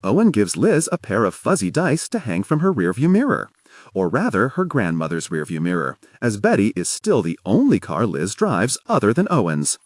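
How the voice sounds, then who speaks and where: A male audiobook narrator with a fairly low voice that swings widely in pitch as he tells the story. The recording is close and dry, with no room sound at all. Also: moderate pace, no echo. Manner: expressive, storytelling.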